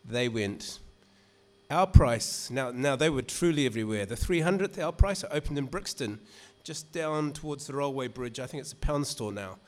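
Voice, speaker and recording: At a literary event, a New Zealand-accented author chats with a live crowd, wandering off course and restarting often, peppering his talk with "you know." His voice is mid-range and expressive, at normal speed.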